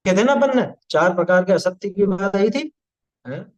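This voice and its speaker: A man's voice: high-pitched, expressive, normal speed, low-quality recording. A man teaching a scripture class, explaining patiently and checking understanding with rhetorical questions, now and then reciting Sanskrit verses. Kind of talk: scripture study discourse.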